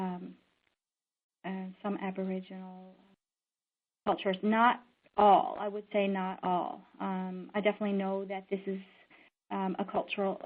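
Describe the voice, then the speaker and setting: A middle-aged woman from Newfoundland and Labrador teaches as a social worker, her voice sitting at an ordinary middle pitch. She talks in an earnest, steady, conversational way and often stops on "um". The sound is narrow and tinny, as if heard down a phone line. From Newfoundland and Labrador, Canada. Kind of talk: instructional talk.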